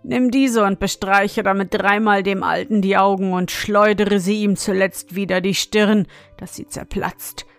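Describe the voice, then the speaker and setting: A scheming, ancient witch of a fairy tale, cold and taunting, slow in her speech, played by a woman reading aloud. She turns shrill and pleading when cornered. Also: steady tone, faint music behind, natural voice. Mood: sly.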